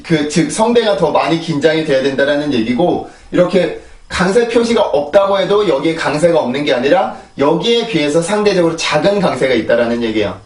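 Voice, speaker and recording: A man's voice: fairly high pitch, roomy sound, recorded from a distance. A man teaching English pronunciation in Korean, explaining sounds and repeating drill words three times, checking in with his students. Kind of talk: pronunciation lesson. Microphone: desk microphone.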